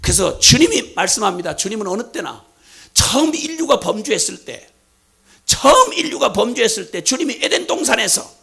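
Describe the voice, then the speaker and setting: A man preaching a sermon as pastor, impassioned, at times shouting. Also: very high voice, vocal fry, breathy edge.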